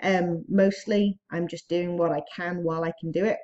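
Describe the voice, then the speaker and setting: A woman's voice: fairly low pitch, fairly even intonation, normal speed, darkish tone, lo-fi sound. A pregnant woman chatting casually to camera as an online reseller, upbeat and a little out of breath, with frequent ums and small laughs. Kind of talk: casual vlog talk to camera.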